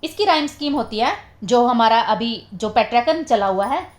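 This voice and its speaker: High-voiced woman teaching in mixed Hindi-English. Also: lively intonation. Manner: explains step by step, keeps asking "ठीक है?"; mixes Hindi with slow, careful English phrases. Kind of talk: exam-prep literature lecture.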